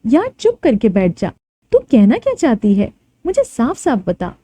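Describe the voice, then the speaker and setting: A woman's voice: fairly high pitch, huge pitch swings, normal speed, mellow, husky, full character voice. A woman storyteller voicing a chatty, caring young woman friend from college who talks casually and mixes in English words. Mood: persuading.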